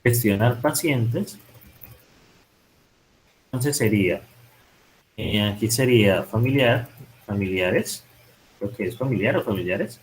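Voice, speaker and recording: A man's voice: fairly low pitch, takes it slowly, long pauses, low-quality recording. Man talking through code step by step. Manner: thinks aloud, self-correcting while typing code. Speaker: programming instructor. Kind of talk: live-coding tutorial.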